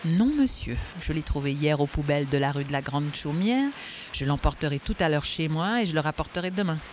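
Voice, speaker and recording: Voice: a little fast, a little hiss or hum, close to an everyday voice. A reader voicing a proud, stubborn old male tailor who is down on his luck, in an audiobook. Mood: matter-of-fact. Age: older. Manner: chatty, stubborn, lively pitch jumps. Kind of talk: audiobook reading.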